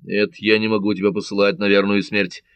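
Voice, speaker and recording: A man's voice: on the low side, level tone, brisk, clear, resonant tone, no room sound, close to an everyday voice. A man reading a bold, impatient pirate captain in an audiobook, speaking in short commanding orders. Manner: curt, commanding.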